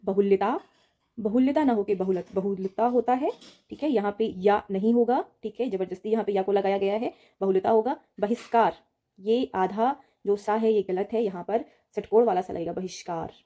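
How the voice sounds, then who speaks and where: A woman's voice: medium pitch, moderate pace. A woman teaching an exam-prep Hindi spelling lesson, patiently repeating each word and often checking in with her students. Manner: addresses students directly, steady explaining tone.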